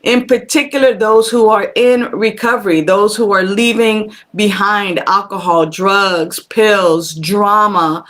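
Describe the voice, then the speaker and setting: A woman's voice: medium pitch, slow pace, hardly any pauses, fairly bright tone. A woman minister hosting a live-streamed spiritual talk, greeting viewers by name and speaking in a conversational preaching manner that repeats phrases for emphasis. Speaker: minister and show host. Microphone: camera.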